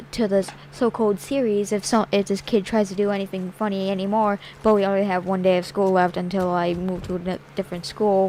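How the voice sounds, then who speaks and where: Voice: mid-range voice, a little mellow. A child or young teen telling a story in a casual vlog, in an exasperated, sarcastic way and acting out bits of dialogue. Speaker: vlogger. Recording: noisy home-made recording with ambient noise.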